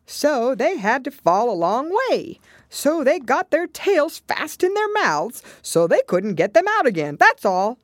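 Lady doing a bossy gryphon beast, pitched up and swooping all over, blunt n impatient, dry close sound. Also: big pitch swings, a little slow, dry recording, full character voice. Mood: blunt explaining. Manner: blunt, emphatic, lecturing.

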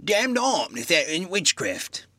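A knowing village blacksmith weighs each word in slow, rustic speech, as a male reader puts him on. He sounds grave and deliberate. The recording is dry and close. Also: sits high, sing-song, sharp tone, no echo, pitched above the performer's own voice, full character voice.

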